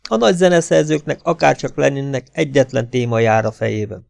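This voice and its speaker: A man voicing an excitable, vain middle-aged male Russian violinist who pleads and protests in a raised, high-pitched voice. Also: gravelly, dry recording, clean studio sound. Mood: pompous.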